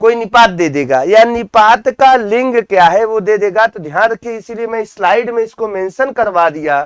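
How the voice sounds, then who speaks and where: A man's voice: high-pitched, lively intonation, moderate pace, smooth, no room sound. A man teaching an exam-prep grammar lesson, repeating key terms and asking his students questions that he answers himself.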